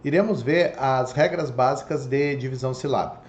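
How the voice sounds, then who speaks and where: A man teaches a Portuguese lesson online as a lecture, explaining things step by step and frequently checking understanding with "tá?" and "ok?". His medium-pitched voice is a little fast and a little mellow, recorded in an echoey room with faint background noise.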